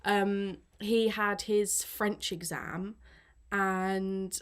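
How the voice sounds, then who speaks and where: A young woman from Britain, a podcast co-host telling school stories in casual chat with quick, giggly bursts. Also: mid-range voice, level tone, clean tone. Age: young adult.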